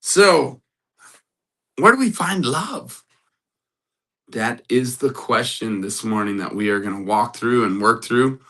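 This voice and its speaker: A man's voice: mid-range voice, lively intonation, slow, long pauses, fairly bright tone, poor audio. A man hosting a casual live stream as a matchmaker, upbeat, greeting viewers in the chat and repeating motivational phrases. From United States. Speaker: livestream host and matchmaker.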